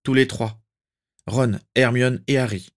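A man reading aloud who voices a calm adult male wizard in a reassuring, level way. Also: mid-range voice, measured pace, pitched above the performer's own voice, lightly acted.

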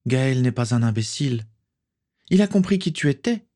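A man's voice: mid-range voice, animated, normal speed, mellow, voice pushed up, lightly acted. A man voicing a defiant female pirate in a read-aloud story, curt and fierce. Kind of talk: audiobook character voice.

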